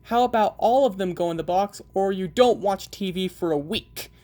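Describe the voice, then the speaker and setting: A woman's voice: medium pitch, moderate pace, mellow, lightly acted. A woman voicing an exasperated mother who scolds her son about his toys. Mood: bargaining. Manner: stern, scolding, raised voice.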